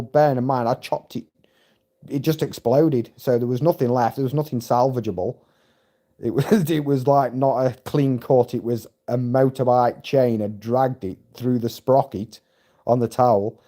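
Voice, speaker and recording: Middle-aged male streamer, warm low-key tone, chatty, profane and meandering. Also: steady tone, normal speed. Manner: rambling, heavy swearing, chatty storytelling. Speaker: livestream host. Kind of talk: casual live-stream chat.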